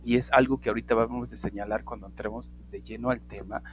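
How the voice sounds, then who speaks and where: Guy teaching english, chatty, keeps going off on tangents, low hum in back. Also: steady tone, fast talker. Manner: talks around the point, restarts and asides. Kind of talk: casual spoken lesson.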